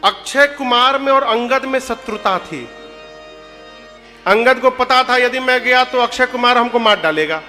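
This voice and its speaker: Bright-voiced joking Bhojpuri-tinged preacher. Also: male voice, very high voice, measured pace. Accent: Bhojpuri-tinged Hindi. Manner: lively, joking, rustic storytelling. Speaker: religious storyteller. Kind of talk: humorous devotional sermon. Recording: reverberant hall with music.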